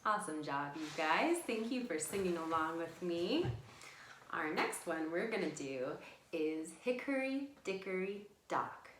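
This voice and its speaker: A children's library storytime host with a low-ish, somewhat bright, sing-song voice speaks a little slowly, encouraging young kids and giving simple instructions in an interactive session. The room sounds echoey, and there's a slight hiss or hum.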